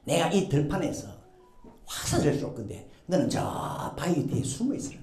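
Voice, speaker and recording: A woman's voice: sits low, very animated, moderate pace, dark tone, soft background music, pitched below the performer's own voice. A woman preaching, voicing an earnest young male prince who is a loyal friend, in an echoey church. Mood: urgent.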